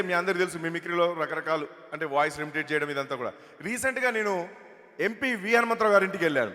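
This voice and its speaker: A mimicry artist on stage telling jokes in a chatty way, through a microphone in a large hall. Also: male voice, sits high, bright, forceful tone. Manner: chatty, jokey setups. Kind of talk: stand-up comedy on stage. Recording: long hall reverb over PA.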